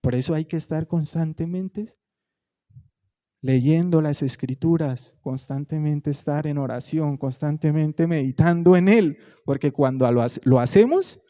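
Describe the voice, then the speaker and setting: A man, preaching a Sunday sermon in a conversational way, rising to loud emphasis and dropping to quiet, soft lines. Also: on the high side, dull audio. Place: church sanctuary.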